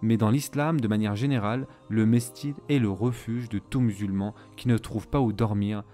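A man giving a measured, explanatory voice-over lecture on Islamic history, weaving Arabic phrases into his speech. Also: fairly low pitch, fairly even intonation, warm tone, soft background music.

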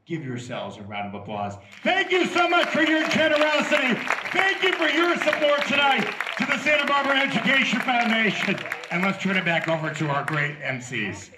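A man working as a live auctioneer, calling out to a crowd like a showman with drawn-out, projected calls. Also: very high voice, sing-song, far from the mic. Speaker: charity auctioneer. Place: large outdoor courtyard dinner event. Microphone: handheld microphone through PA. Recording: echoey PA from afar, crowd noise.

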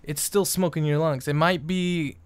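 A man's voice: on the high side, fairly even intonation, moderate pace, smooth, dry recording. A young man in a casual, profane, rambling rant, exasperated and full of fillers and restarts. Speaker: vlogger.

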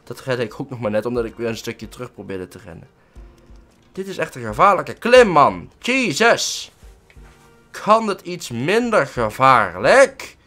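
A man with a Dutch accent doing excitable let's-play commentary, swearing and yelping at every mishap. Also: medium pitch, moderate pace, faint music behind. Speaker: gaming let's-play host.

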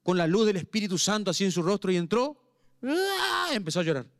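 A pastor with a Paraguayan Spanish accent preaching an impassioned sermon at a church service, swinging between quiet pleading and raised intensity. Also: male voice, sits high, very fast.

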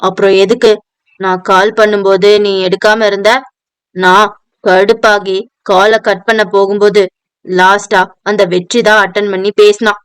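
A woman's voice: medium pitch, fairly even intonation, normal speed, clean tone, no echo, natural voice. A woman voicing a drunk, arrogant young man who is possessive and self-pitying, in an audio novel. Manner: slurred, bossy, self-pitying. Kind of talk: audio novel dialogue reading.

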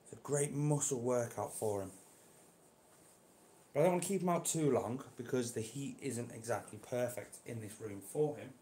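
A man's voice: medium pitch, normal speed, warm tone, echoey room, a little hiss or hum. Man coaxing a snake. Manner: coaxing, chatty, talks to the snake. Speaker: reptile keeper vlogger. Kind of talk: casual vlog. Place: indoor room.

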